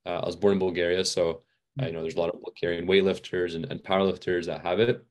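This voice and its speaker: A young man with a very low, deep voice, chatting as a podcast guest. He rambles easily with lots of "like" and "uh," a touch worn out from training. Relaxed and unscripted. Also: fast talker. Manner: rambling, many fillers and restarts. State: a little fatigued. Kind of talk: casual interview chat.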